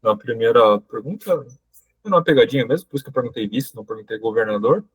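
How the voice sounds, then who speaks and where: A man acting as an oral exam examiner, giving brisk and direct feedback. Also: mid-range voice, husky, no room sound, highs cut off.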